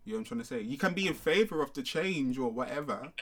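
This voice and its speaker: A man's voice: mid-range voice, expressive, quick pace, a bit bright. Casting: young male panellist, urban London roadman voice, slangy, conversational, pressing each point home. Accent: London, multicultural urban slang (roadman). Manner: street-slang London roadman talk, emphatic, with repeated check-in tags. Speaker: discussion panellist. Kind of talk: casual discussion.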